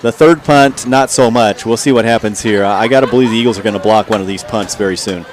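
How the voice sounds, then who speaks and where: A man giving conversational, measured football analysis as a color commentator on a radio broadcast. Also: fairly low pitch. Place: stadium broadcast booth. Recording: crowd and faint outdoor noise behind.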